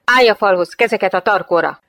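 A woman voicing a nervous young male guard who shouts his orders. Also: medium pitch, dry recording, clean studio sound, lightly acted. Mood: barking.

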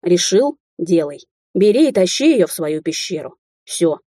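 A blunt, bossy older man delivers a coarse lecture, as a woman reads him in a storybook. The voice is husky, low and dark, recorded dry and close. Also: big pitch swings, measured pace, no echo. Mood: lecturing. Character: gruff older Russian man, blunt taxi driver.

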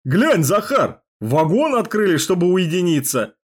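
A man voicing a coarse, dim-witted male police thug who talks crudely and haltingly in an audiobook. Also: high-pitched, very animated, husky, pitched above the performer's own voice, heavily acted. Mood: leering. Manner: crude, hesitant, loud.

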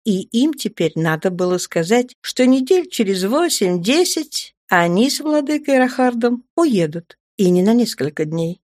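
Expressive woman narrating an audiobook. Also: a little high, a little slow, few pauses, no echo, studio quality. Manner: expressive storytelling. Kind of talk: scripted narration.

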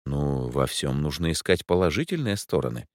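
A man's voice: very deep voice, very animated, moderate pace, no echo, clean studio sound, pitched below the performer's own voice, heavily acted. A man voicing an older, self-assured professor who talks formally. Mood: calm. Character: proud, fussy old male professor.

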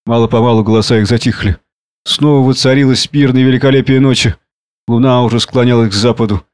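Casting: male audiobook narrator, steady, mid-pitched storytelling. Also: fast, clear, resonant tone, no room sound.

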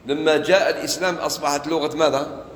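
A man's voice: fairly high pitch, steady tone, fast, echoey room, in a large hall, slight background noise, poor audio. A man with an Algerian Arabic accent giving a Quran commentary lesson, talking conversationally and acting out everyday dialogues. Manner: conversational, mixes formal and colloquial speech, acts out street dialogues. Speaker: preacher.

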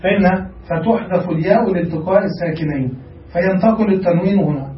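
A male grammar teacher with a high voice gives a classical lesson at a quick pace, frequently quizzing students to check they follow. The dull recording, made far from the mic in an echoey room, has a little hiss or hum.

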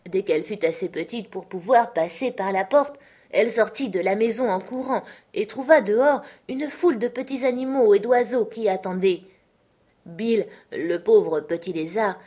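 A woman narrating a storybook audiobook in a soft, even reading voice. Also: mid-range voice. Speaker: audiobook reader.

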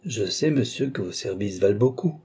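A modest young woman, unwell and reserved, answering in soft, restrained words, as a man reading a storybook puts her on. Only a little higher than the narration, still husky and dark. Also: animated, moderate pace, full character voice. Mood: reserved, troubled.

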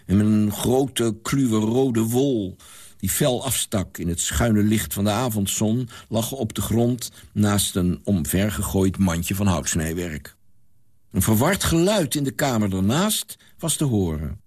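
A man giving an expressive, animated reading of a classic novel. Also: on the low side, measured pace. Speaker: reader.

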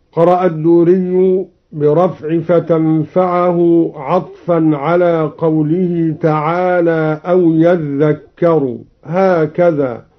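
A man on the radio explaining Quran reading variants in a measured way, chanting each quoted verse, on a dull old broadcast recording. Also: a little high. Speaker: Quran recitation teacher on radio.

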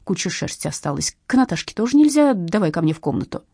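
A woman's voice: on the low side, very animated, creaky, dark tone, breathy edge, no room sound, clean studio sound, heavily acted. A woman voicing an indignant, tired heroine who flares up easily. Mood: exasperated. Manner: exasperated, quick to flare up.

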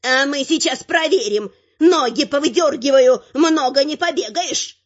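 A woman's voice: high-pitched, a little slow, pitched above the performer's own voice. A woman voicing a big, grumpy, quarrelsome female troll who growls threats. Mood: gruff. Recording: muffled lo-fi recording.

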